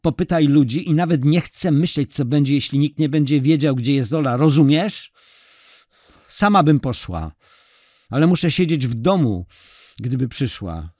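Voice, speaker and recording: Man doing a sharp-tongued, anxious mother. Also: deep voice, sing-song, slow pace, no echo, studio quality, voice pushed up, heavily acted. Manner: impatient, scolding.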